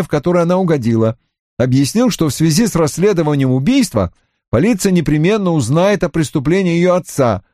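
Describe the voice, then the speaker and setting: High eager young assistant guy rattling on all formal and wordy, a man doing the voice, dry close sound. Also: a little mellow, no room sound, close to an everyday voice. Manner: long-winded, over-formal reporting. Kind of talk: audiobook character voice.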